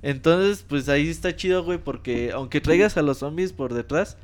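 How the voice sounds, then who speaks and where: A man's voice: on the high side, moderate pace, smooth. A man with a Mexican Spanish accent hosting a casual podcast chat, talking in slang and acting out bits of dialogue as he retells game scenes. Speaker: podcast host.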